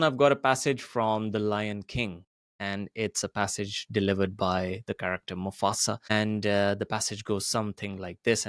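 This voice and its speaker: A man teaching a public speaking lesson, deliberately varying his pitch and volume to demonstrate his points. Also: a bit bright, no echo, clean studio sound. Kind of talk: voice coaching lesson.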